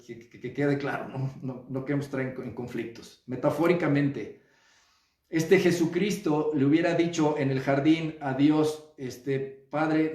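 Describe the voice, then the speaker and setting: A man with a Mexican accent giving a reflective live talk as a psychotherapist, measured, repeating phrases and checking in with his listeners. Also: fairly high pitch, a little mellow. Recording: roomy echo, distant mic.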